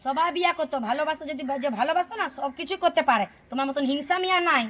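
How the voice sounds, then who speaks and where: A woman's voice: high voice, very fast, fairly bright tone, a little hiss or hum. A woman playing an indignant village grandmother. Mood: scolding. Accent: Purulia Bengali dialect. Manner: scolding, indignant. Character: protective grandmother, mother-in-law defending her granddaughter. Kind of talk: village home drama acting.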